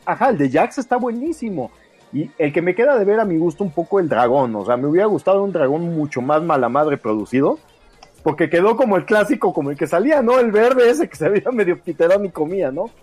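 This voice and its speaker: A man's voice: sits high, lively intonation, quick pace, darkish tone, breathy edge, soft background music. A man with a Mexican accent in a casual film discussion, colloquial and often seeking agreement. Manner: colloquial, seeks agreement with tag questions. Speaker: podcast panelist.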